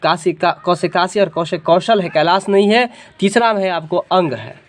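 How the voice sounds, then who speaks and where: A man's voice: sits high, normal speed. A man teaching a general knowledge exam class, building memory tricks and having students repeat them back, checking often that they follow. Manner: drills students by call and response.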